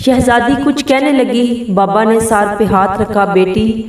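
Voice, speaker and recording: Brief: female storyteller, mid pitch, very echoey room, set back from the mic. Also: far from the mic. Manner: reads all characters' dialogue in her own voice. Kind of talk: scripted story narration.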